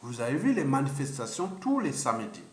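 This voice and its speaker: A political commentator in his fifties from the Republic of the Congo gives an unscripted monologue that rambles, repeats itself and hammers its points, with frequent restarts. His mid-range voice swoops wildly in pitch at a fairly quick pace. The recording is in a roomy, echoey space.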